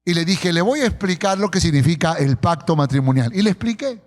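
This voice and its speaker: A Peruvian pastor preaches to his congregation in a fairly high voice for a man. He tells stories and slows right down on the lines he wants to stress. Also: lively intonation. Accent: Peruvian Spanish. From Peru. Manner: storytelling with acted quotes, slowing for emphasis. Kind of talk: sermon. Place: church.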